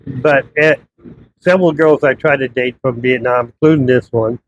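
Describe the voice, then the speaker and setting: A man's voice: mid-range voice, steady tone, moderate pace, lo-fi sound, slight background noise. A man in his fifties telling personal stories in a rambling, casual vlog monologue from his townhouse. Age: 50s. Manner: rambling, conversational storytelling. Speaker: vlogger.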